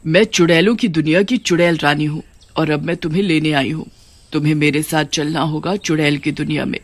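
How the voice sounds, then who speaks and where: A woman's voice: low-pitched, fairly even intonation, fairly quick, no room sound, pitched below the performer's own voice. A woman voicing a regal, kindly witch queen in a cartoon, speaking in a grand, commanding way.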